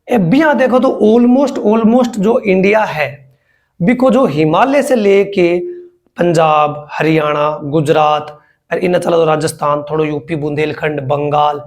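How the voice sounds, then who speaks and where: A man with a Rajasthani accent teaching a history lesson for exam preparation, repeating key words and joking with students. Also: on the high side. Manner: chatty, jokes with students.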